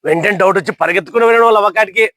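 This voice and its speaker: A man's voice: sits high, very fast, bright, forceful tone, dry recording. A young man telling a motivational story to listeners, asking them questions and acting out characters' lines.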